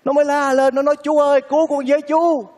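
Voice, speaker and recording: A man's voice: very high-pitched, flat delivery, quick pace, darkish tone, big-room sound. An actor playing a kindly, lovesick man who pleads earnestly with a widow, speaking in a stage comedy sketch. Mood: pleading.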